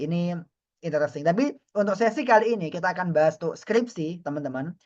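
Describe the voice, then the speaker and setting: A man's voice: a little high, dull audio. A man from Indonesia, a university lecturer, giving a friendly, chatty online webinar lecture and often addressing the audience as friends.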